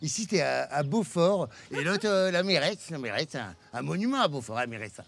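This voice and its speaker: A man's voice: on the high side, expressive, a little fast, creaky, fairly bright tone. A man with a northern French accent, a comedian chatting and joking playfully. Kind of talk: stand-up and documentary chat.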